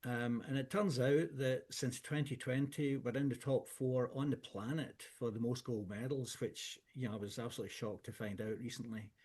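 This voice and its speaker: A man speaks with a broad Scottish accent at a medium pitch. He presents online as a business owner would, halting and picking his way through phrases with frequent pauses. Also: fairly even intonation, a little mellow, husky. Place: speaking into a microphone on an online call.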